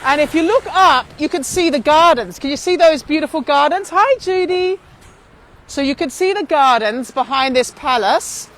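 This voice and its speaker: A woman's voice: sits high, lively intonation, normal speed, fairly bright tone. A middle-aged Australian woman chatting to viewers on a live walking vlog, effusive and theatrical, full of endearments. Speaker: tour operator and live vlog host. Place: outdoors on a city street and bridge. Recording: windy outdoor street noise.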